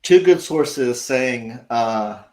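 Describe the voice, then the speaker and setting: A man's voice: medium pitch, animated, drawn-out words, a little mellow, echoey room, rough recording. A man hosting a livestream, rambling and sarcastic, swearing freely as he talks casually to his chat. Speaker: livestream host.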